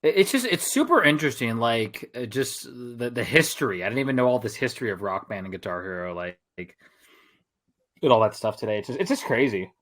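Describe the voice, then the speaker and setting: A man's voice: medium pitch, fairly quick. A man co-hosting a podcast, chatting casually in a rambling way full of fillers. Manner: animated, rambling with many fillers. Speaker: podcast co-host. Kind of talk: casual chat.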